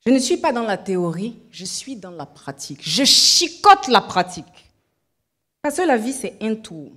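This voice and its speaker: A woman's voice: mid-range voice, big pitch swings, a bit bright. Woman from Cameroon, comic TV speech, theatrical and playful, medium voice. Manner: playful, theatrical, slow emphatic delivery. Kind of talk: comic speech to a minister on a TV show.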